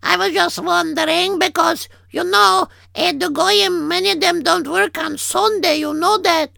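A sharp-tongued, practical old-world wife, as a woman acts her out, always pointing out what's wrong. Her voice sits very high and crackles with heavy fry, bright and sharp. Dry and close, as in a comic radio play. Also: fairly even intonation, measured pace, no echo, heavily acted. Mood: nagging.

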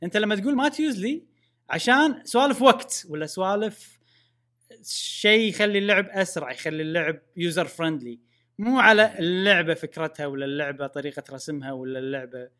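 Bright, fast-talking man. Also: high voice, expressive. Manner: thinks aloud, hesitant fillers. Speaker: podcast host. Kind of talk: casual podcast chat.

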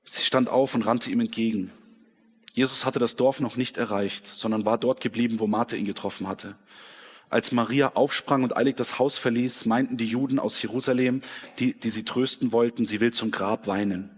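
Husky guy preaching in church, big swings between loud bible reading and soft talk, long echo. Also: medium pitch, fairly even intonation, moderate pace. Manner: dramatic reading of scripture, then quiet personal reflection. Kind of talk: sermon. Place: church hall. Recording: long hall reverb.

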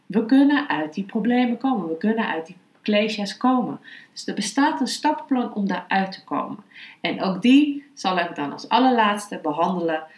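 A woman speaking as a meditation and philosophy teacher, calm, unhurried and instructive. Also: mid-range voice. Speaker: yoga philosophy and meditation teacher, podcast host. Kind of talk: spoken lesson, then slow guided meditation. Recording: roomy, echoing sound.

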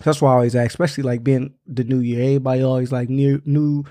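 A young American man hosting a casual chat, talking in relaxed, everyday slang. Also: medium pitch, racing. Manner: slangy, conversational. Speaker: podcast host.

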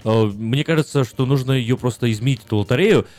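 Fast-talking man co-hosting a radio show. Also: medium pitch, a little mellow, no room sound. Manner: quick, earnest, argumentative. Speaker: radio co-host. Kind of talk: casual radio talk.

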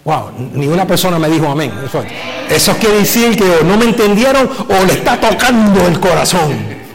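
A man preaching a sermon as pastor, animated and full of rhetorical questions, mixing in English filler words. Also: high voice, moderate pace, creaky, in a large hall, soft background music. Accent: Puerto Rican Spanish from the US Northeast. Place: church sanctuary.

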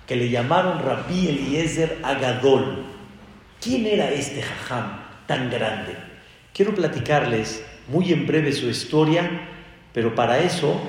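A rabbi preaches a sermon, telling the story dramatically and swinging from hushed to loud. His voice sits a little high and moves slowly, ringing through a large hall with long reverb. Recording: echoey hall.

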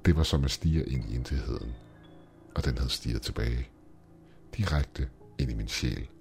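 Very deep-voiced male storyteller. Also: vocal fry, a little mellow, faint music behind. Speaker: narrator. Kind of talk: first-person horror story narration.

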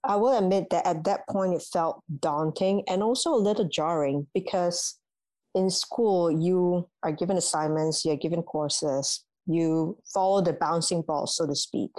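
A young woman from Malaysia, a university alumna answering interview questions in a measured, thoughtful way, with ums and restarts. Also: fairly low pitch, darkish tone, no room sound, low-quality recording. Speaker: guest, alumna.

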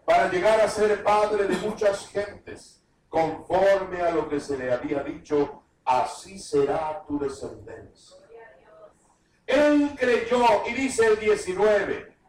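High-voiced man preaching fervently in an echoey room. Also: expressive, takes it slowly. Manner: fervent preaching, reads scripture aloud with bursts of shouted emphasis. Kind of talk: sermon. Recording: echoey room, voice from far off the mic.

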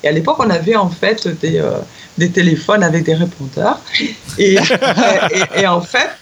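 A middle-aged guest tells a personal memory in a casual storytelling chat at a moderate pace, with a little hiss or hum in the background. She's excitable and quick to laugh, her pitch leaping up when she acts out what people said.

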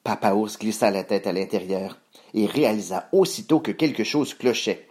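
A man reading a children's story aloud in a measured, expressive way. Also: lowish voice.

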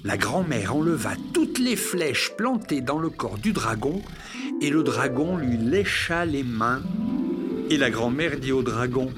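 An expressive storyteller reading a children's tale, the voice rising and falling freely from phrase to phrase. The pitch sits in a middle range, and music plays behind the reading. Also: unhurried. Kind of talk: scripted narration of a children's tale.

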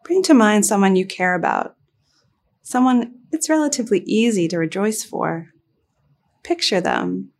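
Slow, soothing woman guiding meditation. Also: medium pitch, lively intonation. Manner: soft, unhurried, soothing delivery with long pauses. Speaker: meditation guide. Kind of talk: guided gratitude meditation.

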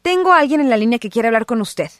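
Radio host, calm mediator, medium pitch, dry studio. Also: fast, dry recording. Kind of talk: radio prank segment hosting.

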